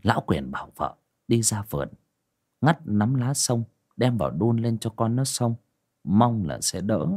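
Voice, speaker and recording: A man tells a horror story with dramatic expression. His voice is low and husky, and it rises and falls freely. He narrates at an even pace. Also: measured pace.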